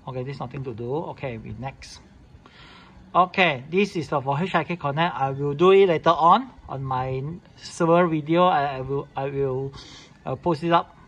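Here a man with a higher, slightly bright voice gives an informal step-by-step demonstration of a device setup without a script, and the audio sounds dull. His English is non-standard, with clipped, repetitive phrasing. Room noise comes through clearly.

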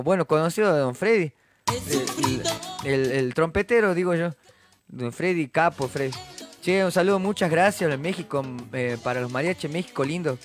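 A man's voice: a little high, fairly bright tone. A man with a Salta Argentine accent, chatting casually on a live stream, reading out viewer comments and greeting people with jokes. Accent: Salta Argentine Spanish. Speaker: musician hosting a live stream.

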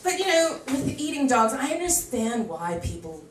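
This time the American comic in her thirties sounds high-pitched, talking at normal speed with a bit of hiss or hum. She's chatty and lively, voicing characters in quotes during her set at a small bar club. The audio, from a camera well back from her handheld mic, is echoey and distant.

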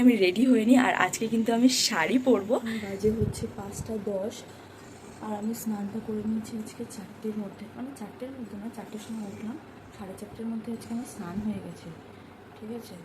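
A woman vlogger speaks quickly in an easy, chatty way. Her pitch sits in a middle range, and she addresses her viewers directly as friends. A clear hum of background ambience runs under the recording. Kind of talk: casual vlog talk to viewers.

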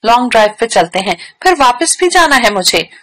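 A woman's voice: fairly high pitch, big pitch swings, fairly quick, a bit bright, rough recording. A woman reading a teasing carefree young man. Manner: playful, teasing.

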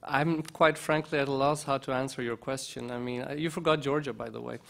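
Keynote speaker, man in his forties, gravelly, hesitant, table mic indoors. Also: medium pitch, steady tone, a little fast, fairly bright tone. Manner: hesitant, many restarts and fillers. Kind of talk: conference talk and Q&A answers. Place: conference lounge, indoors. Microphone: table microphone.

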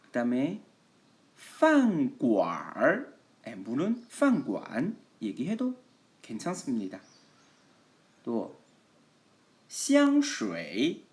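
A man gives an online language lesson. He talks slowly and patiently, with a lively pitch that rises and falls, and he often breaks in with short affirmations. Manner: patient, repeats "예" often, slow model readings of Chinese. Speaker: Chinese language teacher.

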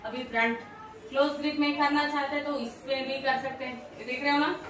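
A cheerful woman in her thirties walks viewers through machine exercises, her voice pitched high. The camera sits a few steps away in a bare, very echoey small room, so she sounds distant and boomy. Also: steady tone, brisk, a bit bright, a little hiss or hum. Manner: chatty, addresses viewers directly, upbeat. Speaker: fitness vlogger. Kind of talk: casual workout demonstration. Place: small home gym room, indoors.

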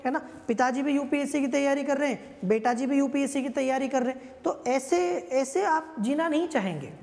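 A woman's voice: sits high, fairly quick, a little mellow, big-room sound. A woman teaching an exam-prep history lecture, conversational and often checking in with her listeners.

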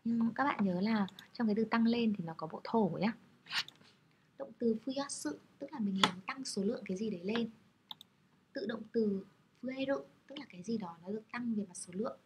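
A woman's voice: fairly high pitch, normal speed, dull audio, background noise. A woman teaching Japanese characters, explaining patiently in a friendly, step-by-step way. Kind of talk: explaining lesson over slides.

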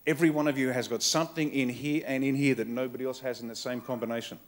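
A man's voice: mid-range voice, steady tone, fast talker. Punchy Australian man giving a rousing speech. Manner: punchy, emphatic, short repeated phrases. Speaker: keynote speaker. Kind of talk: rousing political keynote speech. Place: conference hall stage. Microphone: podium microphone on a stand.

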